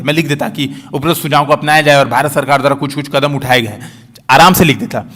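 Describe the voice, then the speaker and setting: Male coaching teacher, slightly high voice, casual step-by-step explainer. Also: fairly bright tone. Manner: conversational, repeats "ठीक है", explains step by step. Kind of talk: casual Hindi classroom explanation.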